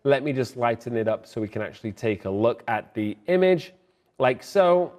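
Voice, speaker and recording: A young man hosting a fast photo-editing tutorial, brisk and upbeat, giving opinionated tips and sounding out of breath. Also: mid-range voice, animated, darkish tone. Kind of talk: fast screen-recorded software tutorial.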